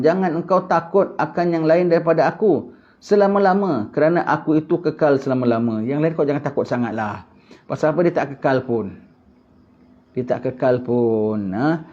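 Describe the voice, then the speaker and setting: A man's voice: a little high, a little mellow. A man giving an Islamic lecture, preaching animatedly with rhetorical questions and sudden emphatic bursts. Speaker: religious teacher. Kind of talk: Islamic lecture in casual colloquial Malay. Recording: muffled lo-fi lecture recording.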